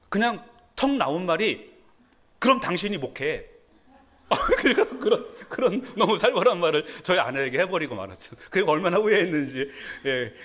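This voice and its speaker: A middle-aged man gives a Sunday sermon as a pastor in a church, in a fairly high, very lively voice. His delivery is chatty and self-deprecating, and it jumps up when he stresses a point. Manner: conversational preaching with self-deprecating laughs and sudden emphatic rises. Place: church sanctuary.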